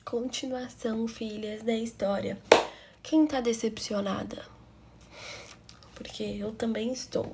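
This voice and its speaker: A woman's voice: fairly high pitch, fairly even intonation, slow pace, pauses often, very noisy. A woman with a Brazilian Portuguese accent narrating a personal story for her channel in a confiding, emotional way.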